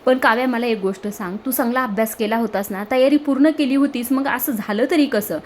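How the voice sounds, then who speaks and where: A woman's voice: on the high side, a little fast, a little hiss or hum, pitched above the performer's own voice, close to an everyday voice. A woman reading the lines of a firm, caring young woman in a serial recap, in a reassuring manner. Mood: soothing.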